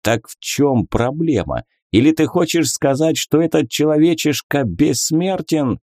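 A man voicing a frightened, desperate male dark god in a storybook, shouting and panicky. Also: on the high side, animated, unhurried, no room sound, studio quality, pitched above the performer's own voice. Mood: demanding.

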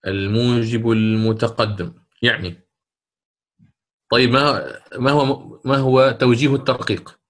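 Arabic Quran teacher explaining recitation rules. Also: male voice, mid-range voice, fairly even intonation. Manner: slow, drawn-out recitation of examples between plain explanation; asks check questions of students. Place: lesson recorded for an online institute.

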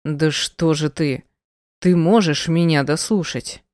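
A woman reading an audiobook voices a stern man who gruffly insists on being heard. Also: deep voice, fairly even intonation, takes it slowly, darkish tone, no echo, studio quality. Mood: insistent. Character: stern man, the narrator's former lover.

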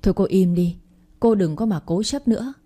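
A woman's voice: medium pitch, normal speed, warm tone, close to an everyday voice. A woman reading a storybook aloud and voicing a cold, scornful middle-aged mother who insults her son's pregnant girlfriend. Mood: contemptuous. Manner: mocking, dismissive.

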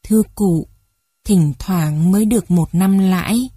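A woman's voice: fairly low pitch, a little slow, mellow, slightly rough, no echo. A woman voicing a polite young male schoolteacher who speaks formally and deferentially to an elder. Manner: deferential, courteous.

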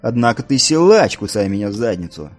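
Man doing a loud hoarse old skipper in an audiobook, rough-mouthed, low-pitched, soft music behind. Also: big pitch swings, brisk. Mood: boisterous. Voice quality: hoarse bass. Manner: bellowing, coarse curses. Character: squat boisterous old male ship's captain.

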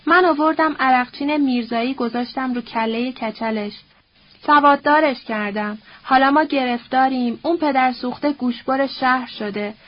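A woman's voice: high-pitched, dry recording, muffled recording. A woman voicing a bitter, scornful old nobleman who curses and quotes proverbs in a sneering, coarse, grumbling way.

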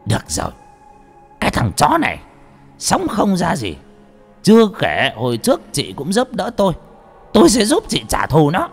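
A man doing a gruff vengeful village sorcerer. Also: mid-range voice, huge pitch swings, normal speed, fairly bright tone, faint music behind, heavily acted. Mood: angry scolding. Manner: rough, blunt, scolding.

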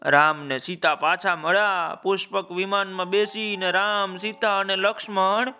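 A man's voice: high voice, fairly even intonation, unhurried, bright, forceful tone, faint music behind. A man narrating a children's story, calling out to his listeners with folksy asides.

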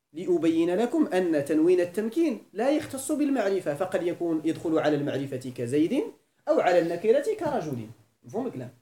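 Moroccan man, grammar teacher, questioning his class, animated pitch, roomy echo. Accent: Moroccan Arabic. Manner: quizzes the students with frequent questions and repeats key points. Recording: echoey room.

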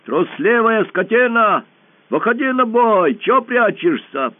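A man's voice: on the high side, sing-song, normal speed, dry recording. A bold, boastful young boy talks with brash bravado, as a man puts him on for a storybook. His voice is raised and comes through thin and phone-like. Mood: defiant. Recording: narrow phone-like band.

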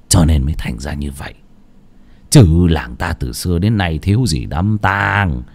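A man playing a shrewd old grandfather who speaks low and measured, in an audio storybook. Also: a little mellow, full character voice. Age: older. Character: grave old village grandfather, shrewd and probing.

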